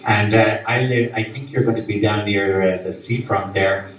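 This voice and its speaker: A man's voice: fairly low pitch, fairly even intonation, normal speed, far from the mic. A man with a west of Ireland accent giving casual, rambling stage banter between songs as a singer-songwriter at a live show. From Galway, west of Ireland. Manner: rambling, chatty asides. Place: live performance venue with PA. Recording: very echoey live venue, guitar behind.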